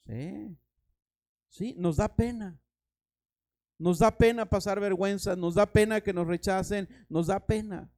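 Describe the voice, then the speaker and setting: A man's voice: high voice, measured pace, long pauses, a little mellow. A man preaching a sermon as pastor, dramatic, acting out voices and stories.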